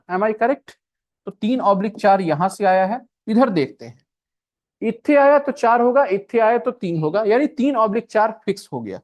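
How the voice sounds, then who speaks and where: A man's voice: high-pitched, darkish tone. A male coaching teacher giving a classroom lecture, mixing Hindi and English and checking with his students again and again. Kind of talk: classroom lecture on a reasoning puzzle.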